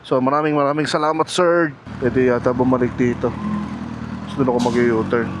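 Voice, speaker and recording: At a medium pitch and a level tone, a little fast, this Filipino motorbike vlogger keeps up his casual, playful talk on the road, mixing in English. Background traffic and vehicle noise dominate the noisy outdoor audio.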